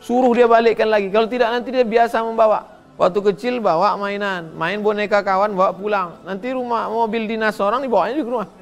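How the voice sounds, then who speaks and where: A middle-aged man, a preacher answering listeners' questions in a humorous, animated sermon. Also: sits high, quick pace. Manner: humorous, animated, acts out quoted voices; reads listeners' questions aloud, then answers.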